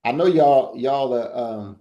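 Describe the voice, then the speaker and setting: A man's voice: mid-range voice, measured pace, dark tone, lo-fi sound. A man teaching a casual live trading class over a video call. He talks in a loose, joking way and often repeats words as he restarts a thought. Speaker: trading instructor.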